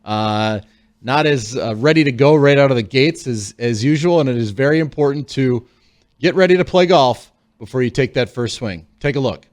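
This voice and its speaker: A man's voice: mid-range voice, normal speed, darkish tone. Chatty man in his forties hosting. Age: 40s. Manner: friendly, chatty segues. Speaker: podcast host. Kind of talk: casual show hosting.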